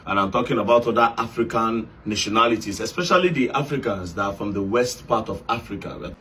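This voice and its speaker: A man narrates a news report at a middle pitch, measured and explanatory. His voice is bright, with a faint hiss of noise behind it.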